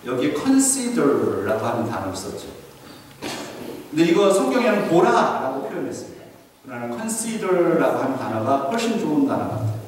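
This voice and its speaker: A male pastor preaching with a high, lively voice that climbs and falls freely. He keeps questioning his congregation. The sound is distant and washed in the long echo of a big church hall. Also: normal speed. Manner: animated, asks the congregation many rhetorical questions. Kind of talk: sermon. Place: large church sanctuary. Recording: echoey church hall from far off.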